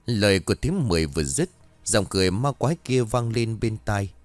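Low-voiced man reading a ghost story. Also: animated, brisk, dry recording, soft background music.

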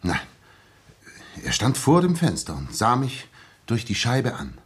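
In a 1960s German radio drama, a male actor gives a full character voice as an earnest, shaken young English ex-soldier telling his story in dramatic narration. His husky, medium-pitched voice swings hugely in pitch at an unhurried pace, and he sounds hesitant, repeating words when agitated, in a suspenseful, earnest mood.

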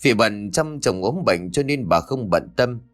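A man narrating a ghost story in an expressive storytelling manner. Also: measured pace, faint music behind. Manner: expressive storytelling with lively pitch.

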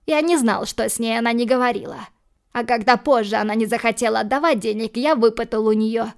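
Woman doing a shrill cornered young junkie. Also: a little fast, clean tone, close to an everyday voice. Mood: pleading. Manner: shrill, pleading outbursts. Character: cornered young male addict, whiny and spiteful. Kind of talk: audiobook character voicing.

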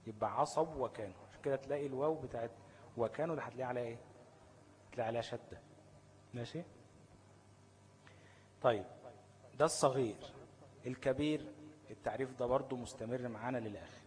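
A man with a mid-range voice and an Egyptian Arabic accent gives an explanatory lesson on Quran recitation rules, with a little hiss or hum in the background. He often poses fill-in questions and checks that listeners are following.

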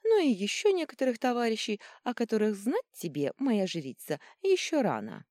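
A woman's voice: a little high, huge pitch swings, moderate pace, a little mellow, no echo, clean studio sound, pitched above the performer's own voice. A woman voicing a mischievous little male godling who speaks teasingly in an audiobook. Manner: teasing, giggling. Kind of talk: audiobook reading.

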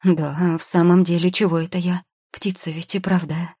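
Storybook: woman voicing a frantic young mother, shrill and breathless, dry husky tone. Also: level tone, normal speed, warm tone, no echo. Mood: wary.

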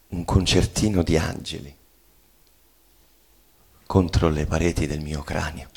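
An actor playing a menacing, feverish, obsessive man in an intense theatrical monologue, ranting wildly and swinging between breathy whispers and outcries. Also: low voice, dark tone, exaggerated voice. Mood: delirious.

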